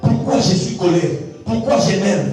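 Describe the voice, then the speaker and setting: A man preaching a sermon. He repeats words for emphasis and swings from low asides to shouted high lines. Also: normal speed. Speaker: pastor. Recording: very echoey, distant from the mic, faint music.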